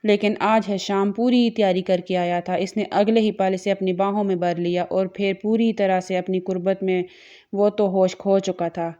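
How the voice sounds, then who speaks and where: A woman narrates a romance novel in a steady, even storytelling read. Her voice sits at a middle pitch. The recording is dull and lo-fi. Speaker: audiobook narrator.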